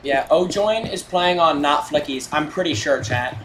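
A man's voice: on the high side, normal speed, background noise. A young man commentating casually on a live game stream in slangy, bro-heavy frat-boy talk. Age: young adult. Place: indoor room, streaming setup. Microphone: headset mic. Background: shooter game sounds.

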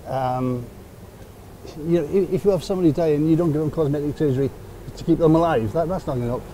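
A man's voice: fairly high pitch, fast, dark tone, rough recording. An older man answering interview questions outdoors. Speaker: local business forum leader, interviewee. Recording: clear outdoor noise behind.

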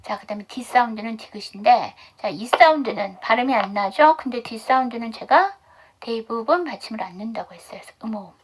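A woman teaching English pronunciation in an online class, explaining step by step and asking the class quick questions that she answers herself. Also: a little high, slightly rough. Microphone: video call.

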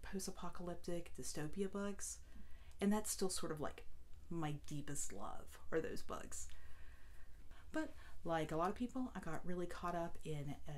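A woman in her late thirties with an Appalachian West Virginia accent, chatting casually to camera as the host of a book channel. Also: low-pitched. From West Virginia, United States. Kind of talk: casual introduction chat to camera. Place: small room at home with bookshelves, indoors.

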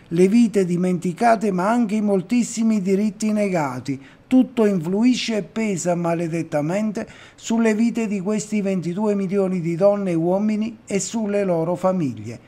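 A man reading a regional television news report in a measured, formal way. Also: sits high, dark tone.

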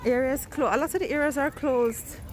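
A woman in her forties vlogs her trip to the zoo, her high-pitched voice brisk and chatty as she keeps repeating herself. She films on a phone held at arm's length, and the windy day leaves wind noise on the phone mic.

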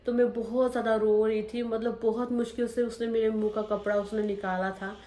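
A woman's voice: fairly high pitch, flat delivery, fairly quick, warm tone. Young woman telling her own story emotionally. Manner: emotional, talks straight to viewers and re-enacts scenes. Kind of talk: personal story narration. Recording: roomy echo.

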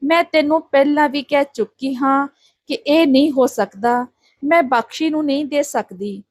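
A protective adoptive mother refuses sharply and defiantly. A woman voices her in a high-pitched voice. The sound is dry and close. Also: moderate pace, dry recording, lightly acted.

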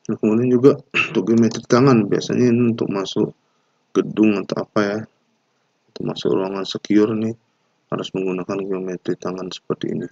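A man's voice: fairly low pitch, steady tone, vocal fry, warm tone, breathy edge, highs cut off. A man lecturing to a class, explaining step by step and often adding a questioning tag. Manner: unhurried explaining with frequent "ya" tags and hesitations. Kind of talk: recorded university lecture.

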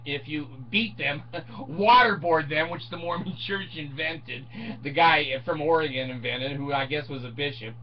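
An older man telling a story in a casual, sarcastic rant at home, laughing often as he talks. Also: a little high. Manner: laughs often, animated and sarcastic, mimics others. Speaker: vlogger. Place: small room at home, indoors. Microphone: webcam in front of him. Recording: dull distant webcam sound with faint hiss.

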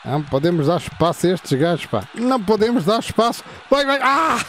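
Man in his fifties, excitable, shouts at the game, very lively pitch. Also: fairly quick, a little hiss or hum. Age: 50s. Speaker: gamer playing a football video game. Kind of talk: excited live game-playing commentary.

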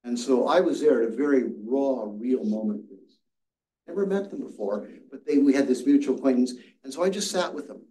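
A dark-toned, mid-range male voice moves a little fast as an older Sabbath school teacher earnestly tells a story to his seated Bible study class, often restarting his words. The mic is far away in the echoey church classroom.

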